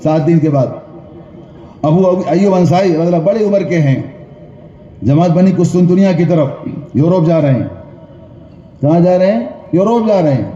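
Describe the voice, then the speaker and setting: A man's voice: high-pitched, long pauses, mellow. A man preaching a sermon to a large gathering, telling stories, acting out the voices he quotes and putting questions to the audience. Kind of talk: religious sermon. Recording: echoey, distant, dull hall recording.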